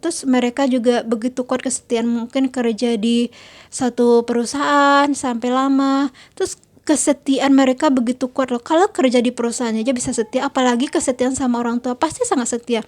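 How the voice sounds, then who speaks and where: A woman's voice: sits high, a little mellow. A woman giving a chatty talk on parenting, acting out the lines parents and children say. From Indonesia. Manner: chatty, acts out quoted lines. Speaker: parenting speaker.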